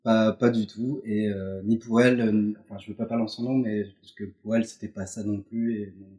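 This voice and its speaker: In a home setting, a couple's apartment, a thirty-something interview guest rambles through stories packed with fillers during a casual chat. He speaks with a fairly low, level, mellow voice at a slightly fast pace.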